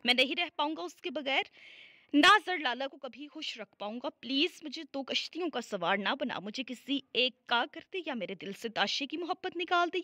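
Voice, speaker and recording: A desperate young man, lovesick and imploring, pours out a fervent prayer in an audiobook novel, as a woman reads him in her own voice. The voice stays high and bright, very close and dry. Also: dry recording.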